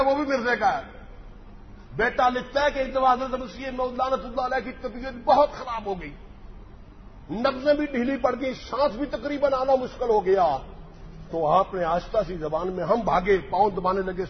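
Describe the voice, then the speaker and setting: A man delivers a sermon in a high voice, mocking and fiery as he plays out both sides of the conversations in his stories. The recording is dull and lo-fi, with a long hall reverb and faint background noise. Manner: mocking, impassioned, acts out dialogue. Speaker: preacher. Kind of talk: sermon with storytelling.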